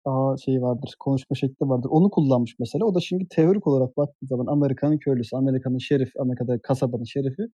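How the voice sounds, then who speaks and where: A man's voice: mid-range voice, rapid-fire, hardly any pauses, warm tone, husky, no room sound. A man chatting casually on a podcast, hesitant, with many fillers and restarts. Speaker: podcast co-host. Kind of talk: casual chat.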